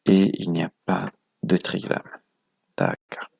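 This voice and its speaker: Man, lesson walkthrough, husky, dry close sound, methodical, counts things off. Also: low voice, sing-song, slow pace, darkish tone, dry recording. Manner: methodical, counting items aloud, corrects himself. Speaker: presenter of a phonetics video lesson. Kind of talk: explaining a lesson step by step.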